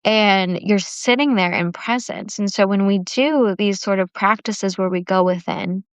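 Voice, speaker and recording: A woman's voice: mid-range voice, clear, resonant tone, no echo. Chatty woman hosting a live session. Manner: chatty, with frequent "like" fillers. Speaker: self-love workshop host. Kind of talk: casual livestream talk after a guided meditation. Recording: dry, slightly dull lo-fi livestream audio.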